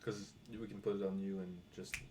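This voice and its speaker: A man's voice: sits low, little pitch movement, fairly quick. A man playing a tabletop game, chatting casually and joking with plenty of swearing. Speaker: player. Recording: noisy room, far from mic.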